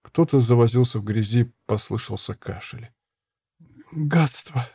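A man narrating an audiobook in a measured, hushed storytelling manner. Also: medium pitch, husky, no room sound. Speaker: audiobook reader.

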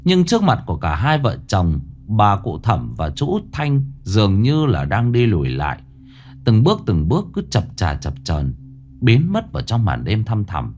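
Low, lively male horror narrator. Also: moderate pace. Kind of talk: scripted horror story narration. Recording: narration over faint music.

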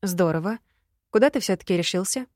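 A woman voicing a soft-spoken young heroine. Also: mid-range voice, expressive, a little fast, no echo, clean studio sound, close to an everyday voice. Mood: earnest. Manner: soft, earnest.

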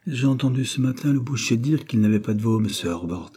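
A man's voice: mid-range voice, expressive, brisk, warm tone, slightly rough, voice pushed up. A man reading aloud voices a polite young housemaid explaining to her master. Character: respectful housemaid, young woman.

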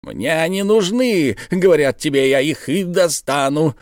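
An eccentric professor presses his demands in a raised, lively voice, as a man reads him. The delivery is insistent and emphatic, recorded dry as an audiobook part. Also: a little high, measured pace, dry recording, pitched above the performer's own voice. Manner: insistent, triumphant. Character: eager, insistent male old professor. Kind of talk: audiobook character voice.

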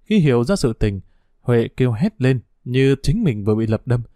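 A man narrating a story in an audiobook style, with a steady, measured reading. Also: medium pitch, dry recording, clean studio sound.

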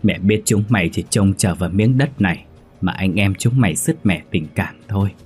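A man voicing a frail elderly mother, high and anguished, in an audio horror story. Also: normal speed, darkish tone, husky, soft background music. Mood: bitter. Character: frail elderly mother, shrill, grieving and furious.

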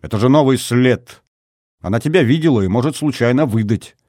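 A man's voice: fairly low pitch, very animated, moderate pace, a little mellow, dry recording, studio quality. A man reading an audiobook voices a teasing, jealous young woman with a needling, suspicious delivery.

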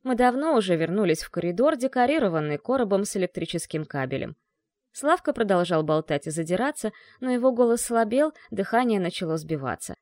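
A woman's voice: medium pitch, sing-song, a little fast, a little mellow, no echo. A woman narrating a first-person audiobook in a wry, ironic manner.

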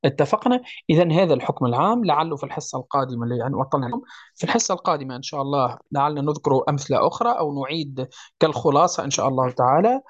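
A teacher giving a step-by-step recitation lesson, explaining patiently, checking often that the class follows, and slowing down to recite each example. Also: mid-range voice, lively intonation, no room sound. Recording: dull lo-fi recording, dry.

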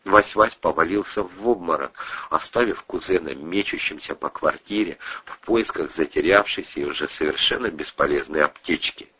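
A man's voice: sits low, normal speed, bright, forceful tone, slightly rough. A man narrating an audiobook expressively, doing voices for the characters, on a muffled lo-fi recording.

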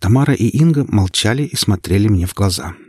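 A man narrating an audiobook in the first person, steady and measured. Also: fairly low pitch, husky, dry recording, clean studio sound.

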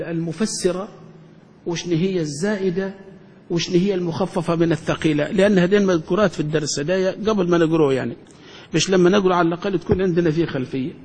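A man's voice: high-pitched, darkish tone, husky. A man, a sheikh teaching a grammar lesson who keeps quizzing his students with questions, in an echoing hall. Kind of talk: classroom lesson.

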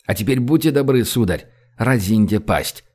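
A man voicing a tough, menacing captive who barks clipped orders in a low voice. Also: expressive, moderate pace, a little mellow, lightly acted.

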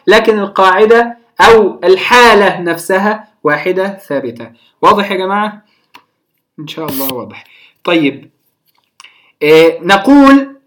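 A teacher explains recitation rules in a classroom lecture. The delivery is hesitant and full of drawn-out filler sounds, and the teacher keeps checking that the class follows. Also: mid-range voice, fairly bright tone. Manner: often checks if listeners understand.

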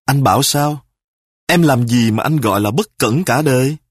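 A man voicing a fretful young wife who starts out defensive and turns sharp-tongued in a spoken story, with a husky voice. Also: medium pitch, no room sound, studio quality, lightly acted. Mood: indignant. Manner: pleading, then snapping back in quick retorts.

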